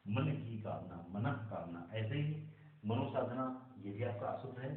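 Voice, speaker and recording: A man with a lowish voice teaches a spelling lesson, going over right and wrong forms and often reminding students to take note. He sounds distant and thin, as if on a phone line. Strong echo hangs around every word. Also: expressive, measured pace. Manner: repeats "keep in mind", drills right and wrong forms.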